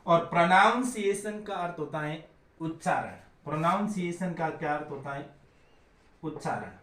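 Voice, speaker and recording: A man's voice: a little high, animated, normal speed, a bit bright, echoey room. A man from India teaching a grammar lesson, asking his own questions and answering them.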